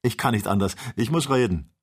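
A man's voice: mid-range voice, fairly quick, slightly rough. A man reading aloud, voicing a cheerful, talkative adult male servant. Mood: eager.

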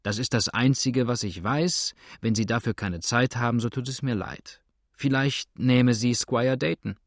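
A man voicing a calm, shrewd innkeeper. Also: mid-range voice, measured pace, no room sound, close to an everyday voice. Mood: dry. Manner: calm, dry, matter-of-fact. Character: calm, shrewd male innkeeper, dryly indifferent.

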